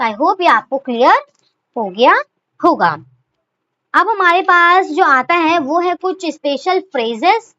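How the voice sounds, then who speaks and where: High bright-voiced woman teaching shorthand. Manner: chatty, repeats rhetorical questions and okay. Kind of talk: explaining a lesson step by step. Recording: dull lo-fi recording.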